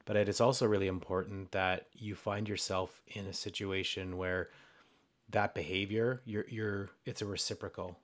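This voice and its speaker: A man with a fairly low voice hosts a conversational interview. He talks in measured, deliberate phrases and offers steady affirmation to his guest. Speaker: podcast host.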